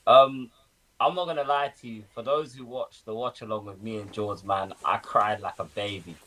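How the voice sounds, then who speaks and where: British male football fan, hungover, forceful and sharp-toned, casual sweary panel talk. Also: fairly low pitch, fairly even intonation, moderate pace, low-quality recording. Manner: sweary, slangy, emphatic. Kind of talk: casual chat on a livestream panel.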